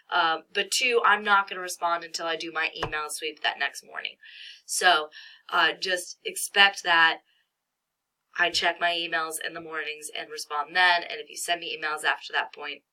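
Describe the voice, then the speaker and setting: A young woman teaching a college class, chatty and self-deprecating, her voice thick and congested with a cold. Her tone is very bright and sits a little low in pitch. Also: rough recording. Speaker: college math instructor. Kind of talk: screen-recorded course tour.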